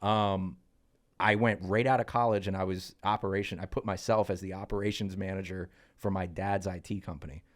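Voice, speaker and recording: Thirty-something guy, low-ish voice, chatty podcast storyteller, lots of ums. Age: 30s. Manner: lively, chatty, quick bursts with fillers. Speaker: podcast co-host. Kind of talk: casual storytelling in podcast chat.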